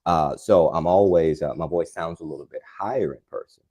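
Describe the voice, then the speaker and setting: A man with an extremely low voice talks gardening in a live demo. His tone is dark and mellow, and his delivery is calm, unhurried and soothing. He rambles casually with plenty of fillers. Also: husky. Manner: chatty and rambling, with many fillers. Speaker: gardening channel host.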